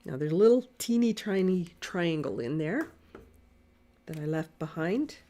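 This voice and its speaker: Soft-spoken woman teaching watercolor. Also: lowish voice, lively intonation, a little slow. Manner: quiet, soft-spoken, thinking aloud while painting. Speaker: watercolor art instructor. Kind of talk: live painting lesson. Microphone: desk mic near camera.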